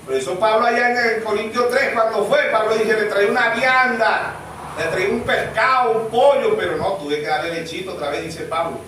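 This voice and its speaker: A pastor delivers a lively sermon, pitching his questions to the congregation. His voice sits high and bright. The sound booms around an echoey church, picked up from a distance. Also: moderate pace, slight background noise. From Venezuela. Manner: animated, full of rhetorical questions, acts out baby cries. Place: church sanctuary. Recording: echoey church room, mic far off.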